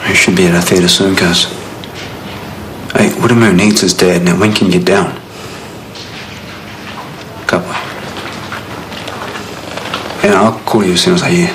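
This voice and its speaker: An actor with a New Zealand accent playing a gruffly caring, guilt-laden father figure in a TV soap. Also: low-pitched, fairly even intonation, moderate pace, pauses often, natural voice. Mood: businesslike. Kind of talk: naturalistic TV soap acting. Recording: noisy TV soap scene.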